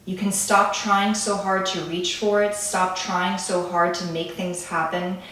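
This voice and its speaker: A woman leading a calm grounding meditation in a gentle, soothing way, with pauses between phrases. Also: fairly low pitch. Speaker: meditation guide. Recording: echoey room, distant from the mic.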